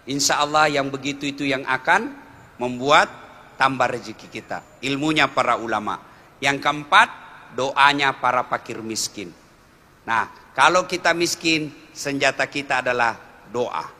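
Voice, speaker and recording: A man delivers a humorous sermon, dropping to low asides and then rising to loud exclamations. His voice is strikingly bright and forceful and sits somewhat high. A long reverb trails his words around the hall. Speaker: preacher.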